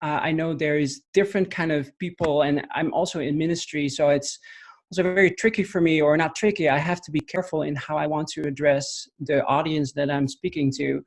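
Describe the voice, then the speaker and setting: A man with a Dutch accent, answering interview questions thoughtfully, with frequent pauses and restarts. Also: on the high side, fairly even intonation. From Netherlands. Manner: thoughtful, halting, many fillers and restarts. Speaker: podcast guest, missionary trainer.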